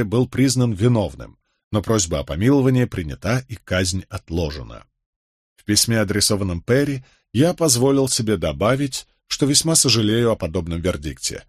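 A man narrating an audiobook in the first person, measured and even, on a close studio mic. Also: on the low side, no room sound.

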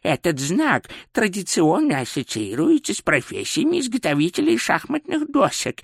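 Man voicing a fussy court astrologer, anxious, hesitant, pitched a bit high, bouncy intonation, dry close sound. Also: no echo. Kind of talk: audiobook character voice.

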